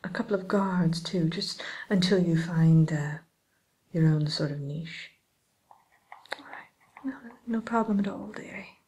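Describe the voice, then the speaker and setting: A woman voicing a sly, sweetly courteous wicked witch tutor in a hushed, musing ASMR roleplay. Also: lowish voice. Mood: sly, businesslike. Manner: hushed, unhurried, hesitant musing, faux-genteel.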